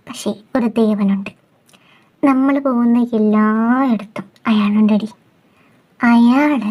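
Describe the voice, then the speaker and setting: A woman acting out a fan audio drama, chatty and animated, coaxing and scolding as she voices the friends' talk. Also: sits high. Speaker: storyteller voicing all parts.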